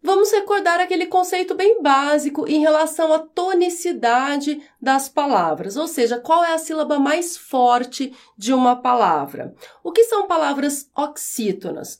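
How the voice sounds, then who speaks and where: A woman teaching a podcast language lesson, explaining slowly and clearly and spelling out syllables one by one. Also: sits high, animated. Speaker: Portuguese teacher.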